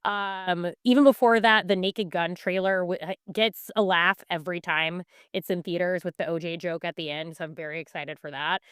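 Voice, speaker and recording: A woman from Chicago co-hosting a podcast, chatting about movies in an animated way. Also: on the low side, moderate pace, hardly any pauses, clear, resonant tone, dry recording, clean studio sound. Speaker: podcast co-host. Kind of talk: casual movie chat.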